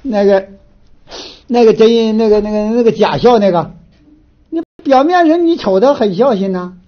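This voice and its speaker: Northeastern Mandarin man, folksy lecturer, high animated voice, restarts a lot, muffled lo-fi audio. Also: moderate pace. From Northeast China. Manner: animated storyteller, frequent filler restarts. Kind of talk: folksy moral lecture with storytelling. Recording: dull lo-fi recording.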